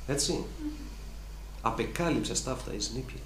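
A man's voice: mid-range voice, expressive, fairly bright tone. A man delivers a sermon with emphatic, repetitive phrasing, and his voice climbs to fervent peaks. His voice carries through a reverberant room. A faint ambient hum sits underneath. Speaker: preacher.

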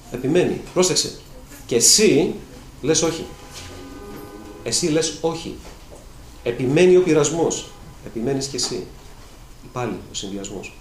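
A man preaching a sermon with emphatic delivery, swinging between loud, drawn-out declamation and quiet asides. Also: mid-range voice. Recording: echoey room with faint ambient noise.

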